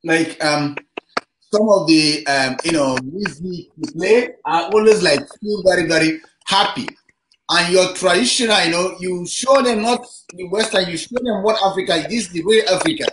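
A man's voice: sits high, normal speed. A man hosting a talk show over a video call, affirming his guest with many "you know"s. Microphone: video call webcam. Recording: roomy webcam audio with background noise.

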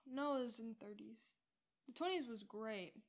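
A woman's voice: fairly high pitch, normal speed. A young woman co-hosting a casual podcast with her partner, giggly and teasing. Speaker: podcast co-host. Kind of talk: casual couple chat.

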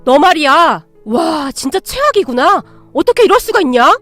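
A woman voicing a hotheaded, greedy young ex-boyfriend who yells and makes demands in a spoken story. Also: very high-pitched, expressive, moderate pace, soft background music, voice pushed up. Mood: furious. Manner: shouting, drunk and demanding.

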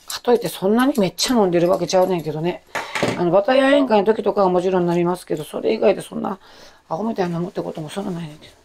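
A woman in her forties with a Kansai accent and a loud, rough-throated voice, chatting in a rambling, self-deprecating way while she cooks. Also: on the low side, racing, slight background noise. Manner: chatty, self-deprecating, jumps between topics. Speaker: cooking vlogger. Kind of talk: casual chat while cooking.

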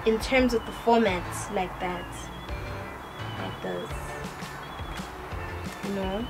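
A teenage girl rambles in a casual couch chat with her father in the living room, full of giggles and fillers. She speaks slowly in a mid-range voice. Background music accompanies the low-quality recording.

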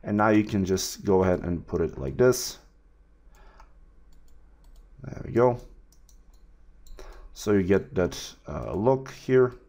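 A man teaching a 3D texturing tutorial over a screen recording, talking in a relaxed way with many fillers and restarts. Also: on the low side, takes it slowly, long pauses. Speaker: 3D art tutor.

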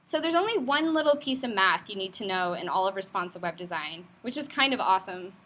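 Speaking animated and fairly quick, a woman with a medium pitch and fairly bright tone presents at an office meetup room. Her conversational tech talk is upbeat and casual, sprinkled with fillers and questions aimed at listeners.

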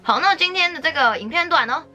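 Fast, bright-voiced young woman vlogger. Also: very high-pitched, expressive, soft background music. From Guangdong, China. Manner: earnest, indignant commentary with rising emphasis. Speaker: vlogger host. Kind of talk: opinionated talk to camera.

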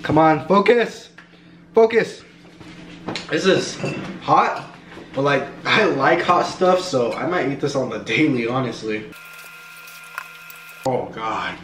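Young male food-challenge vlogger, slow and casual with a spice-burnt mouth, in an echoey room. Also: mid-range voice, a bit bright, slight background noise. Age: young adult. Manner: mouth burning from spicy food. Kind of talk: casual chat to camera. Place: home kitchen, indoors. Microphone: camera a few feet away. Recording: echoey room, distant camera, faint kitchen clatter.

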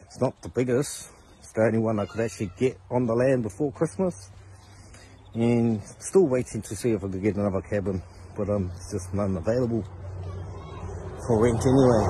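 A man's voice: mid-range voice, normal speed, long pauses. Casting: man, forties, Māori New Zealand accent, hesitant casual vlog delivery, faint noise from an outdoor phone recording. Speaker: father showing his family's living setup. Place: outdoors in rural land. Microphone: phone at arm's length.

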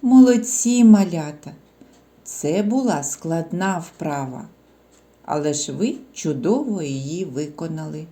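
A woman narrating a grammar lesson for small children, speaking in a slow, clearly syllabled, sing-song way with rhymes. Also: deep voice, expressive, mellow.

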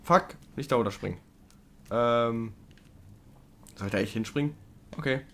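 A man's voice: normal speed, a little hiss or hum. Chatty man commenting on gameplay. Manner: chatty, talks to the game creature, swings between loud pleading and low muttering. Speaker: let's play gamer. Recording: game music playing underneath. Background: game music.

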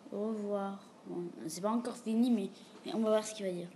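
A woman casually chatting with a chatbot on camera at home, reading its replies aloud and often dropping to a quiet, half-whispered mutter. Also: medium pitch, steady tone, fairly quick, slight background noise. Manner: reads the bot's replies aloud and answers them. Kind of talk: casual gaming commentary. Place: room at home with a door.

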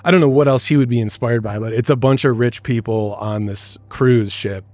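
A man's voice: medium pitch, fairly quick, darkish tone, dry recording, faint music behind. A man co-hosting a podcast, telling a story in casual chat and laughing often. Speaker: podcast co-host.

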